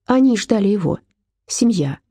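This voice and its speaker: A woman narrating a novel in an even storytelling manner, as an audiobook narrator. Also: medium pitch, moderate pace, breathy edge. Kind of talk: scripted narration.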